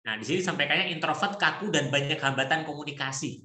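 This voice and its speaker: Webinar moderator, bright sharp voice, roomy echo, brisk, reading questions. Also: mid-range voice. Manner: brisk, reads out audience questions.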